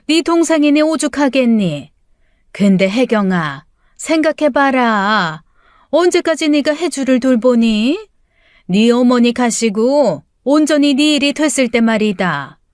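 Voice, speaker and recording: A woman's voice: fairly high pitch, no echo, studio quality. A woman doing a scheming old mother-in-law. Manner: coaxing, dismissive, scolding. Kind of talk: audiobook character voice.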